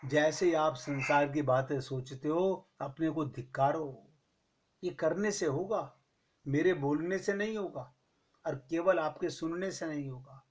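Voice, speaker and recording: Slow, measured male spiritual teacher. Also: a little high. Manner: slow, measured preaching with emphatic rhetorical questions; recites verse slowly. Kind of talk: Hindi satsang discourse.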